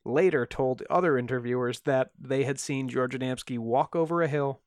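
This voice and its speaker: This co-host speaks at normal speed in a medium pitch while casually telling a weird story, wry and joking and heavy on fillers. The podcast audio is clean studio sound without room ambience.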